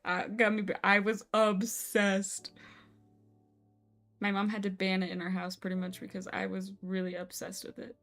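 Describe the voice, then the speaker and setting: A woman's voice: mid-range voice, monotone, normal speed, a bit bright, soft background music. A young woman live-streaming a building game, chatting casually with her viewers in a bubbly, exclamatory way. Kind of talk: casual live-stream chat while playing.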